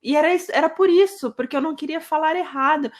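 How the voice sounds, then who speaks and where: A woman from Brazil hosting a casual interview, asking questions and swooping up when excited. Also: high-pitched, fast. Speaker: host.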